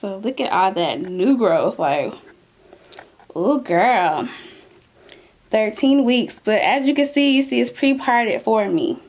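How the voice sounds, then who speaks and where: A young woman vlogging casually about her routine, animated and chatty, with a lisp that makes her s sounds slushy. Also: medium pitch, takes it slowly, pauses often. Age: young adult. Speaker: beauty vlogger. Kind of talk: casual chatty hair tutorial vlog. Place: small room at home, indoors.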